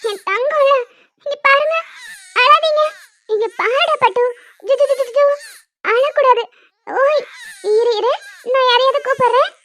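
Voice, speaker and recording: A woman voicing a young woman in a cartoon who cares for her baby nephew, cooing softly and growing tearful. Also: extremely high pitch, a little slow, long pauses, slight background noise. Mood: panicked tearful. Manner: tender cooing, turns to tearful panic. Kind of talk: cartoon voice acting.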